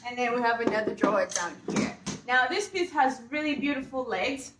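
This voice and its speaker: A woman's voice: a little high, lively intonation, moderate pace, very noisy. Chatty woman from Uganda in an echoey room. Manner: chatty and upbeat, talking to viewers. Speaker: furniture painting vlogger. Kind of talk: casual chat while working. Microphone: camera mic.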